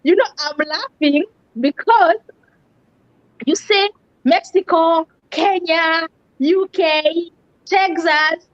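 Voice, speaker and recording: High-pitched woman host, slow and dry, lo-fi sound, says wow a lot. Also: no echo. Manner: enthusiastic, many wows and laughs. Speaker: interview host. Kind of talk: interview hosting.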